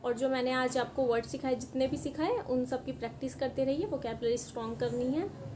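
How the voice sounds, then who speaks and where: A woman's voice: sits high, fairly quick, a little mellow, a little hiss or hum. A woman teaching pronunciation rules in a patient lesson, often checking in with "okay". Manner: patient, repeats "ठीक है" often. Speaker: language teacher.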